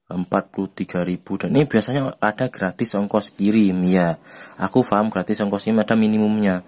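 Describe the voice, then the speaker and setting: A man's voice: deep voice, darkish tone. A man from Indonesia, rambling chattily through an online shopping walkthrough. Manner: rambling chatty, says "sob" constantly. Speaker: online shopping tutorial vlogger. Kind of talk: casual screen walkthrough.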